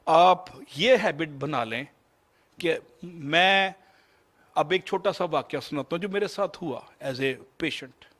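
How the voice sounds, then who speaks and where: A man in his fifties from Pakistan with a Pakistani Urdu accent, telling a personal story in a motivational lecture and slipping English phrases into his Urdu. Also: on the high side. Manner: mixes English phrases into Urdu, shifts between loud and soft. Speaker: motivational speaker.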